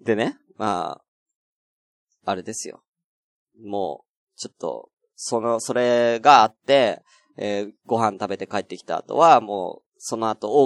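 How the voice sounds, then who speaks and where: A man hosting an unedited solo internet radio show, grumbling and venting in a casual way, his voice getting hoarse. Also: lowish voice, no echo, clean studio sound. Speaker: host.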